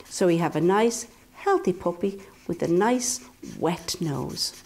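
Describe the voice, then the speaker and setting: A woman hosts a step-by-step drawing tutorial for children, addressing them directly in a playful, encouraging way. Her voice is on the low side and expressive, with a slow pace and a somewhat dark tone.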